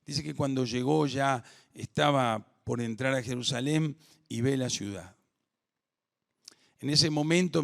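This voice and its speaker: Gravelly-voiced Rioplatense pastor preaching. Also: male voice, medium pitch. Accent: Rioplatense Spanish. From Uruguay. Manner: preaching with wide swings between hushed and emphatic. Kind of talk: sermon. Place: home or church for an online service.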